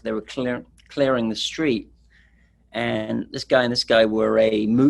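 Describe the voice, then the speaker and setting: Vocal fry colors the medium-pitched voice of this middle-aged man from England. Giving a casual presentation, the street photographer rambles through his stories with plenty of fillers.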